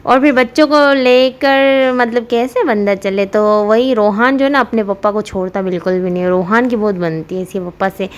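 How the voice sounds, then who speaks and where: A woman's voice: medium pitch, steady tone, moderate pace, few pauses. A young woman narrating her family vlog in a chatty voice-over, rambling with many fillers and giggling often. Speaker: family vlogger, mother.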